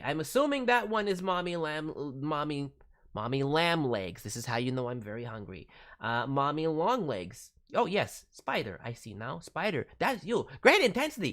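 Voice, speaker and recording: A man streams casually as a voice director, reviewing demo reels with playful feedback and cute phrasing. His voice is a little high and a bit bright.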